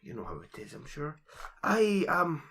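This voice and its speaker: A man voices a timid, centuries-old scholar who stammers through every sentence and slips into whispers. The tone is husky yet bright, with pitch that jumps around. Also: very animated, full character voice. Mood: flustered. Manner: stammering, halting, drops to whispers.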